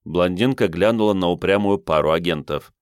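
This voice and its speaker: A man narrating an audiobook in a steady, measured reading. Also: sits low, smooth, dry recording, studio quality. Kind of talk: scripted narration.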